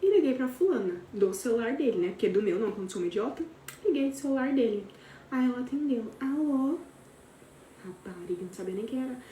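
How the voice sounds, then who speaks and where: A woman's voice: on the high side, animated, fast talker, mellow. Chatty Brazilian woman in an echoey room. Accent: Brazilian Portuguese. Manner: chatty, dramatic, talks straight to friends. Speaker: storyteller. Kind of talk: casual gossip storytelling. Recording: very echoey room, far from mic, faint noise.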